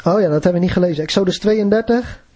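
A man delivers a sermon in a husky, fairly high voice. He speaks earnestly and conversationally and keeps turning questions back to his listeners. The sound is close and dry, with no room around it. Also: quick pace, mellow, no room sound. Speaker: preacher.

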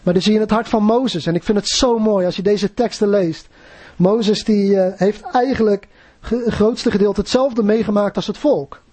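A man's voice: high voice, normal speed, a little mellow, husky, no echo. A man preaching a sermon in an earnest, conversational way, often putting questions to his listeners.

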